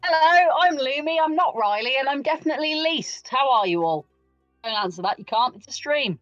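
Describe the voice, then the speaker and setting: High-voiced woman player, playful, heard distant and boxy through a built-in laptop mic, like down a well. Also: animated, brisk, a bit bright, no echo, faint music behind. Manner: playful, self-mocking. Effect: distant muffled laptop mic, like down a well. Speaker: tabletop game player. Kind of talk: casual banter on a stream. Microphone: built-in computer mic, headset broken.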